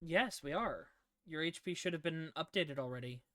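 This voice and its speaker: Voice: medium pitch, lively intonation, moderate pace, bright, forceful tone, dry recording, clean studio sound. A game master running a tabletop game on stream, talking casually and cursing when the tech breaks. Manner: casual, swears at tech trouble.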